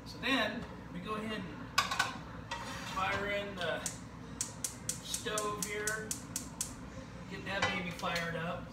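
Joking man in an echoey kitchen. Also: sits high. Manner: jokey, rambling, keeps saying okay. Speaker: home cooking show host. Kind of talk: casual cooking demonstration. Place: home kitchen, indoors. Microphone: camera across the room. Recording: echoey kitchen, distant camera mic, noisy.

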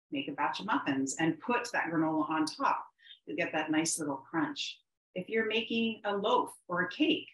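Cooking live at home, a Canadian woman keeps her demo chatty and cheerful, often pausing with ums. Her voice is lowish and a bit bright, echoing around the kitchen.

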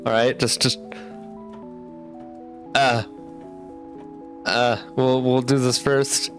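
A man's voice: medium pitch, flat delivery, extremely slow. A man commentating on his game playthrough, nervous and anxious, repeating himself as he goes. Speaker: gamer, channel host. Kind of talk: let's play commentary. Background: game music.

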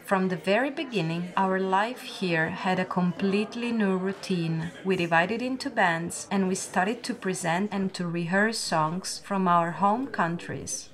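A Bosnian woman in her late twenties, with a Bosnian accent and a medium pitch, narrates a scripted documentary in a reflective, measured way over background music.

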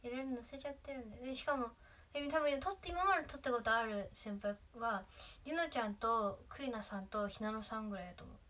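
A young woman chatting casually on a livestream, rambling and often trailing off into soft asides. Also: on the high side, quick pace. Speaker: idol trainee livestreaming.

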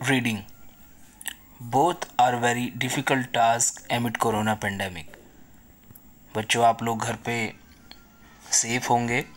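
A man's voice: medium pitch, a bit bright. A man with an Indian English accent teaching a recorded online lesson to children, explaining each point patiently in Hindi and English.

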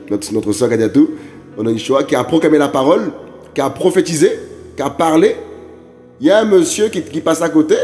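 A man's voice: a little high, a little mellow. A man preaching an evangelistic sermon, emphatic and repetitive, often addressing listeners directly. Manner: emphatic, repetitive exhortations with frequent asides to listeners.

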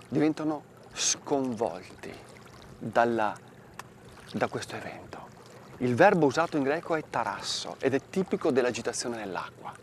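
A man's voice: medium pitch, slight background noise. A man, a parish priest, explaining a gospel passage outdoors by a lake, asking and answering his own questions. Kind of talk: gospel commentary for television.

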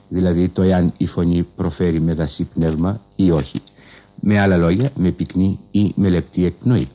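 A man with a very deep voice gives a formal scholarly talk over the radio, choosing each word with measured, precise care. His phrasing is learned and old-fashioned. The sound is dull and lo-fi, like a 1960s broadcast archive. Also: slightly rough. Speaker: radio lecturer.

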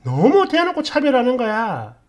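A woman telling a story in a casual, blunt and sarcastic way, with an animated delivery. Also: on the high side, moderate pace, lo-fi sound.

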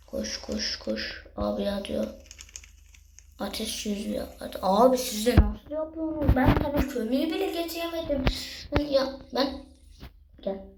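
A young woman giving chatty, excitable commentary while playing a game and talking to her viewers. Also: mid-range voice, gravelly. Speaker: gaming youtuber. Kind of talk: casual gameplay commentary. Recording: echoey room with background noise.

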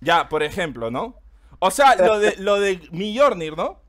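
A man chatting loudly on a game stream, excitable and swearing often. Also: high-pitched, unhurried. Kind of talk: casual stream chat.

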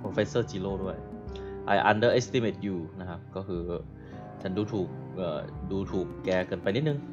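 A man from Thailand on a live game stream, reading dialogue slowly and deliberately, then translating it with polite particles. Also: fairly low pitch. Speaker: gaming streamer. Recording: dull lo-fi stream audio. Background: game music.

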